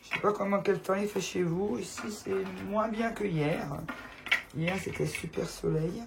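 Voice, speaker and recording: A woman with a cold talks to her viewers from home in a slow, unhurried way. Her voice is gravelly. She gushes fondly over each thing she shows, with a faint hiss in the background. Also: mid-range voice. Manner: chatty, fond, gushing over the items. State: has a cold, voice affected. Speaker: tarot channel host. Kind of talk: casual show-and-tell chat to viewers.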